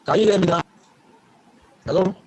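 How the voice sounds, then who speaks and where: A fairly high-voiced man on a video call whose audio keeps breaking up and dropping out. He sounds distant and keeps asking whether he can be heard. He is speaking from outdoors in the rain. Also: normal speed, darkish tone, a little hiss or hum. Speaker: invited guest speaker at a webinar. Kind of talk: formal webinar address.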